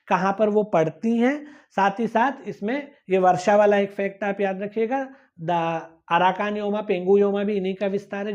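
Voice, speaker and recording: A woman's voice: medium pitch, a little mellow. Woman teacher going over exam stuff, patient, repeats herself a lot, kinda muffled lo-fi audio. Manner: patient, repetitive, checks in with "ठीक है ना". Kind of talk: recorded lecture explaining a map. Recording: dull lo-fi recording.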